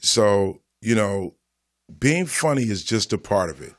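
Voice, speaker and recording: A man's voice: fairly low pitch, lively intonation, a little slow. A man, a stand-up comedian guest, giving laid-back, profane advice in a casual chat.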